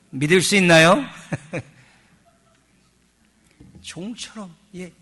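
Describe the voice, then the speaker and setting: Delivering a sermon in a high-pitched voice, a middle-aged male pastor alternates whispered side comments with forceful bursts. His tone is playful and conversational as he acts out the words of those he quotes.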